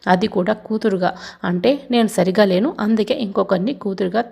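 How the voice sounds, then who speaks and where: A woman with a gravelly voice voicing a jealous, spoiled young woman who complains resentfully. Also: medium pitch, steady tone, brisk, warm tone.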